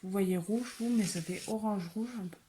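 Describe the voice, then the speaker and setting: A woman vlogger chatting casually through a beauty haul, soft-spoken and often slipping into a whisper. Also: medium pitch, moderate pace, a little hiss or hum. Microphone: phone.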